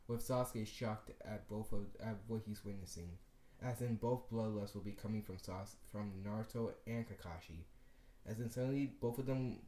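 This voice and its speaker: A man's voice: fairly low pitch, warm tone. A young man improvising a fan-fiction story aloud, rambling with fillers and correcting himself as he goes. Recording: echoey room.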